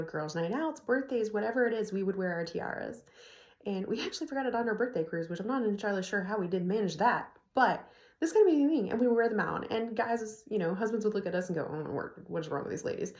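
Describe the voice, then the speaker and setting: A woman's voice: mid-range voice, darkish tone, roomy sound. A middle-aged woman casually telling a personal story to her phone camera, laughing often as she talks. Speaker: vlogger. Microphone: phone propped on an ironing board.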